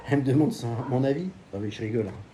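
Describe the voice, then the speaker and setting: A man's voice: mid-range voice, quick pace, background noise. A man from France telling crude, joking anecdotes about selling knives in a casual vlog, swearing often. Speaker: knife seller. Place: at home by a pool.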